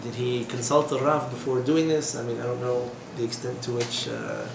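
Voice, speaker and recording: The recording, echoey and noisy, captures a small-room class taught by a man in his thirties whose casual lecture mixes digressions, fillers and sardonic humor. He speaks at a normal rate, with a medium-pitched voice and fairly even intonation.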